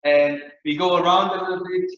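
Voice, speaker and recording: A man's voice: high voice, fairly even intonation, brisk, fairly bright tone, slight background noise. A man teaching a rehabilitation therapy workshop online, explaining exercises in plain, simple phrasing, in a heavily echoing room with a dull, lo-fi sound. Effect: heavy echo chamber sound, dull lo-fi tone. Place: indoor rehab center rooms. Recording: very echoey room, muffled lo-fi sound.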